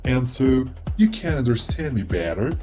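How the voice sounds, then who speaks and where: A man's voice: medium pitch, close to an everyday voice. A man voicing a cheerful, chatty robot satellite with a robotic, sparkling voice and theatrical delivery. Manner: theatrical, lively, drawn-out delivery. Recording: soft music underneath.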